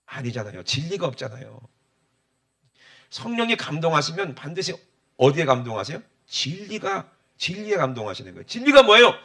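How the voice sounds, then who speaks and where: Animated high-voiced preacher. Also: male voice, creaky. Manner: emphatic preaching, often asks the congregation for an amen. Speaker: pastor. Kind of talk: sermon.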